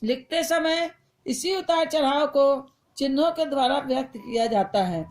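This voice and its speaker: A woman with a high voice teaches a simple grammar lesson to young pupils. She talks patiently and slows down to read out each example sentence.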